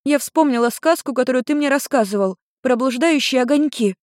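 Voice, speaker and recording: A high, bright-voiced teenage girl, as a woman voices her in an audiobook, indignant and quick to pile up questions. The recording is dry and close, with no room sound around the voice. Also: no echo, natural voice. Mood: explaining. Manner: indignant, rapid-fire questioning. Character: feisty teenage girl searching for her father. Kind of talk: audiobook character voice.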